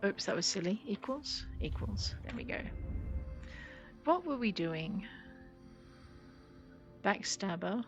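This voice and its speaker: Woman, game streamer, chatty and genteel, some fry in the voice, light music underneath. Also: medium pitch, big pitch swings, slow pace, long pauses, dull audio. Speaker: gaming video host playing in character. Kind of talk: playful game commentary, talking to self.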